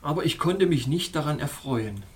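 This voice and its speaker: A man reading a fairy-tale audiobook in the first person, in a measured, expressive way. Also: a little high. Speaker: narrator. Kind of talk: scripted audiobook narration.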